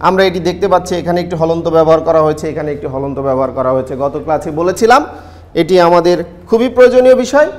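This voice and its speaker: High-voiced male teacher explaining patiently. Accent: Bangladeshi Bengali. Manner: slow, repetitive explaining to students. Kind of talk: televised online class lecture.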